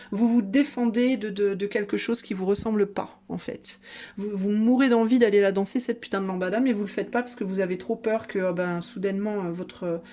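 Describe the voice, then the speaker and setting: A woman's voice: mid-range voice, warm tone, a little hiss or hum. A woman giving a casual tarot reading in a playful, chatty way, teasing her listeners and laughing often. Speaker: tarot card reader.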